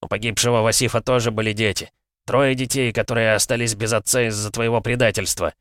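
A man's voice: on the low side, fairly even intonation, quick pace, fairly bright tone, no echo, voice pushed up, lightly acted. A man voicing an angry, disgusted man who speaks with contempt. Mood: indignant. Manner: indignant, contemptuous.

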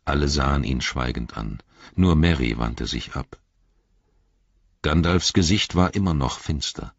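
A man reading an audiobook as narrator, with a measured, dramatic delivery. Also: extremely low pitch, animated, gravelly, dry recording, muffled recording. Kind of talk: scripted narration.

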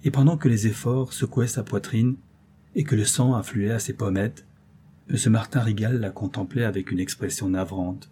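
A man narrating a classic novel as an audiobook in a measured, low-keyed storytelling manner. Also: steady tone, dark tone, slight background noise. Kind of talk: scripted literary narration.

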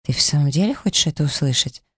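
A man reading a romance audiobook, voicing an emotional young woman in love with a raised pitch and a breathless, pleading manner. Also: animated, fast talker, fairly bright tone, breathy edge, no room sound, studio quality. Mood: tender.

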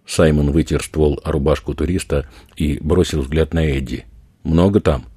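Very deep-voiced male audiobook narrator. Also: level tone, moderate pace, warm tone, slightly rough, no echo. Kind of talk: scripted narration.

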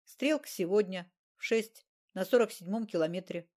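A woman's voice: mid-range voice, normal speed, darkish tone, natural voice. Woman reading as a curt gang boss. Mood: commanding. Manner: curt, bossy. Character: cocky commanding male gang boss.

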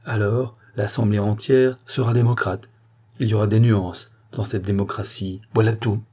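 An earnest, urgent statesman, read by a man lays out his warnings point by point. The voice is mellow and a little husky, pitched slightly up and pressing. It sounds like a classic novel read aloud as an audiobook. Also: fairly even intonation, moderate pace. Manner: urgent, explanatory pleading. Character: earnest male politician warning a queen.

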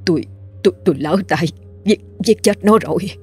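A woman's voice: on the low side, expressive, normal speed, darkish tone, husky, soft background music. A woman voicing a frightened older man in a spoken horror story, stammering and trembling as he talks. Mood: terrified stammer. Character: frightened older man, guilty civil servant.

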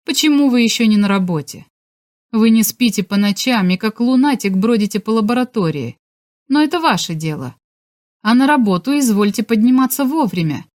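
A woman voicing a sharp, sarcastic female lab official in an audiobook, her tone scolding and caustic. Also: a little high, expressive, normal speed, few pauses, voice pushed up, lightly acted. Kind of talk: audiobook character voice.

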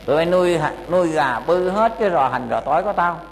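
Bit part: a man doing a foul-mouthed old woman who scolds everyone, slightly high-pitched, in an echoey hall. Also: lively intonation, fast, faint music behind. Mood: scolding. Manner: scolding, indignant. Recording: echoey hall with faint hum.

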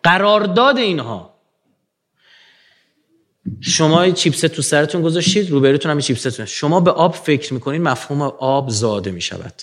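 Male lecturer addressing a crowd, higher-pitched, lively delivery that swings from quiet asides to forceful climaxes. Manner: animated, swings from low murmurs to emphatic rising peaks. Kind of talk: lecture to an audience.

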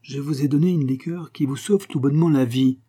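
A man voicing a mysterious armorer who speaks in a composed, ironic way, a little higher than his narration. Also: a little fast, dark tone, breathy edge, lightly acted. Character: shrewd, cool mysterious armorer, adult man.

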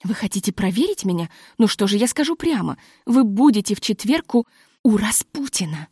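A woman voicing a nervous, tall masked society lady who talks in a halting, hysterical, pleading way, read as an audiobook. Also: medium pitch, sing-song, warm tone, slightly rough, no room sound, studio quality, heavily acted. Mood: insistent.

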